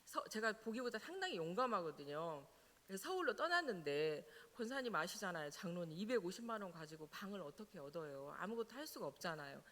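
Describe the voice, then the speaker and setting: Middle-aged woman pastor, super animated storytelling sermon, bright voice, long church reverb. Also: on the low side, fast. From Jeolla, South Korea. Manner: animated storyteller, laughing now and then. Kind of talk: personal testimony in a sermon.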